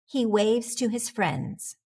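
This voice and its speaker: A woman reading a children's storybook aloud, gentle and expressive. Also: a little high, takes it slowly, gravelly, husky. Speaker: children's book reader.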